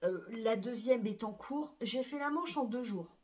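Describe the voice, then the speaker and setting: Chatty middle-aged woman, fairly high. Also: animated, measured pace, darkish tone. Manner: chatty, many fillers and restarts. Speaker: sewing and knitting vlogger. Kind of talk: casual chat to camera.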